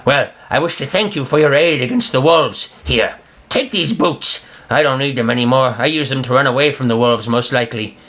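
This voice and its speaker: A man's voice: moderate pace, a bit bright, lightly acted. A man voicing a thin, crooked, skittish male goblin who talks in broken, jumpy bursts. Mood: suspicious. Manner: jumpy, broken grammar, squeaky outbursts.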